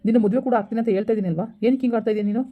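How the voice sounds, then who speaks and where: A woman's voice: fairly high pitch, fairly even intonation, very fast, narrow, tinny audio, lightly acted. A woman voicing a doting, protective young husband who speaks insistently, with a rural Karnataka Kannada accent. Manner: pleading then insistent, calls her baby.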